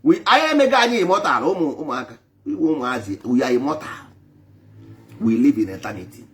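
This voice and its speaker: Speaking fast and very animated, this man has a medium-pitched, fairly bright voice, with slight background noise behind him. He is a traditional spiritual speaker preaching emphatically online to a live audience, repeating points and mixing English with Igbo.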